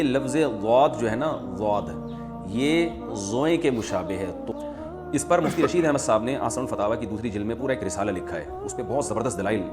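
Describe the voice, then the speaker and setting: A man, an Islamic scholar, calmly explains a point of Quranic pronunciation in a question-and-answer talk, pausing often with fillers. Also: mid-range voice. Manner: explanatory, measured, with many "aa" fillers. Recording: music playing under the voice.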